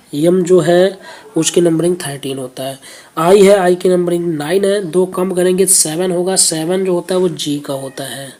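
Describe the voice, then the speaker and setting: Woman teacher doing reasoning problems, patient and repeats stuff, kinda husky mellow voice. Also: lowish voice. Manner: patient, repeats answers, checks in with viewers. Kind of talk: explaining exam questions step by step.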